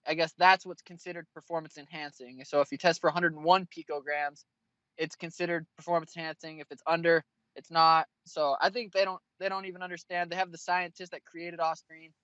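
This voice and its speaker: A man's voice: fairly high pitch, little pitch movement, fairly quick, fairly bright tone, smooth, dry recording. Blunt, profane young man with muffled audio. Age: 20s. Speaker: fighter, interview guest. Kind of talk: casual interview answers.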